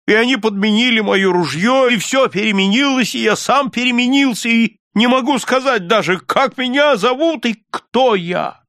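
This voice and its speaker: A man's voice: fairly high pitch, no echo, clean studio sound, full character voice. A man voicing a bewildered older man in rags, asking questions in a pleading, desperate way.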